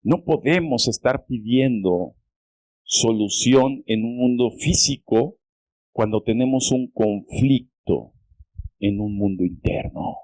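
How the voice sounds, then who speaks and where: A man preaching a sermon as a church pastor, in a deliberate style, often checking in with "¿verdad?" and rising high when quoting pleas. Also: darkish tone, dry recording. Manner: slow, deliberate preaching with frequent "¿verdad?" asides; rises sharply in pitch when quoting pleas.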